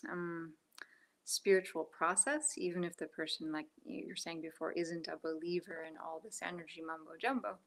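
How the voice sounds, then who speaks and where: This Reiki practitioner chats from home over a phone video call in a lowish, steady voice at a moderate pace. She is soft-spoken, uses plenty of fillers, and now and then drops to a whisper.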